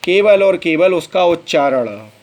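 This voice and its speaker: Slow, patient Hindi-speaking English teacher. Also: male voice, sits high, expressive, vocal fry, darkish tone. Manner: slow, spells words out letter by letter; addresses students as beta. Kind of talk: classroom lesson.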